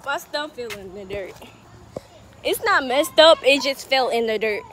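A high-voiced young woman talks to her camera outdoors on a hot day, loud and full of slang. Her pitch jumps around as she chats, and faint background noise sits behind her. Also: measured pace. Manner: animated, slangy, talks loudly over others. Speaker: vlogger. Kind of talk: casual vlog chat. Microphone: handheld camera.

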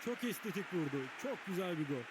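A man's voice: sits high, expressive, a little fast. A man working as a football game co-commentator, giving short reactions to the play. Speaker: co-commentator, pundit. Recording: loud background noise.

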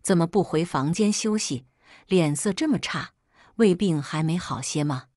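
A woman's voice: lowish voice, animated, normal speed, darkish tone, dry recording, studio quality, natural voice. A woman voicing a cold, wealthy young husband who speaks curtly and cuttingly. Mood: gentle.

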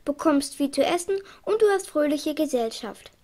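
A woman's voice: sits high, lively intonation, moderate pace, darkish tone. A woman reading a group of eager monkeys in a children's storybook, coaxing sweetly. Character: eager persuasive band of monkeys.

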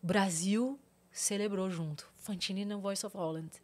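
Brazilian woman, middle-aged, podcast guest; emotional storyteller who acts out quotes, mid-pitched voice. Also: moderate pace. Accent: Brazilian Portuguese. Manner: animated storytelling, quotes others in changing voices. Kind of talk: casual podcast interview.

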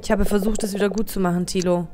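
Woman reading a bitter drunk rodent, gruff, game music behind. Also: medium pitch, little pitch movement, fast talker, natural voice.

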